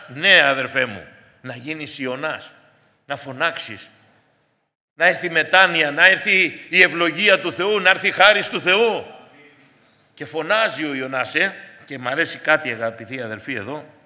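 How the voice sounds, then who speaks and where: A man's voice: a little high, sharp tone. A man preaching a sermon in an earnest way, often calling out to his congregation as dear brothers and sisters. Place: church hall. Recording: long hall reverb.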